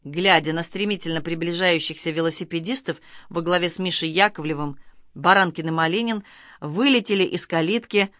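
A woman narrating a children's story aloud, reading in a lively, expressive way. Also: on the low side, fairly quick, no echo, studio quality.

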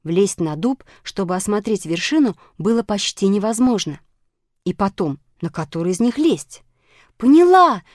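A woman reading a children's audiobook aloud, telling it lively and giving each character a voice. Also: medium pitch, moderate pace, dry recording, studio quality. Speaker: narrator.

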